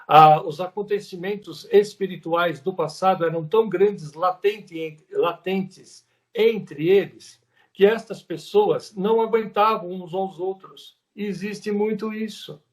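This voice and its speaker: A man's voice: high-pitched, unhurried. A man with a Brazilian Portuguese accent giving a spiritual lecture at a spiritist center, talking conversationally and repeating words for emphasis.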